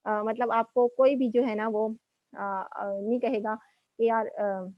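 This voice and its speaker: Over music, a woman's steady, fairly high voice, with the highs cut off, delivers a motivational talk to young women. She keeps it conversational, repeatedly checking in with "ٹھیک ہے" ("okay") and slipping English words in.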